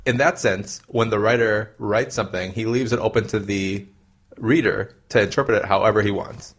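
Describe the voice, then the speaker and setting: A Midwestern American man co-hosts a podcast in relaxed discussion. His voice is low and husky. He is easygoing and laughs along readily. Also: moderate pace. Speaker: podcast co-host.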